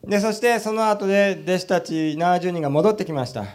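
A man preaching a sermon through an interpreter, animated and punctuated with amens and hallelujahs. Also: high voice, brisk. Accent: Osaka dialect when complaining. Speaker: pastor.

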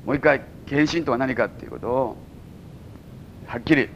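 A man with a Mikawa Japanese accent preaching a sermon as pastor to a congregation, with sudden high exclamations and chuckles. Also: moderate pace, gravelly, muffled recording, a little hiss or hum. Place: church service before a congregation.

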